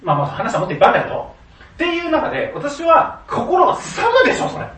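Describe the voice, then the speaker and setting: A high-voiced man tells a story with big swings in pitch, laughing as he goes and slipping into the voices of the people he quotes. He sits a little back from the mic in an echoey room with faint noise behind him. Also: sing-song, very fast, creaky, fairly bright tone, distant mic. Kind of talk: storytelling monologue.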